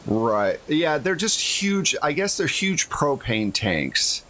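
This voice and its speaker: Very animated yet slow, this man's voice is a little high, pushed, and bright. As game master of a tabletop role-playing game, he explains rules and scenes casually in a conversational actual-play narration.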